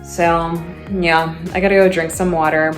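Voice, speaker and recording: A woman talks straight into a handheld phone camera, loose and chatty, breaking into laughs as she acts out what people told her. Her voice sits a little on the low side. Faint music plays underneath. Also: little pitch movement, normal speed. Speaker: vlogger. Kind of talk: casual chat to camera.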